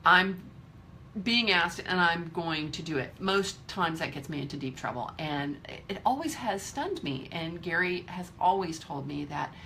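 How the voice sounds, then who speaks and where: A woman's voice: fairly low pitch, lively intonation, a little slow, pushed and bright, a little hiss or hum. A woman in her fifties giving a candid, emphatic motivational talk to her viewers, swearing freely. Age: 50s. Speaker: vlogger.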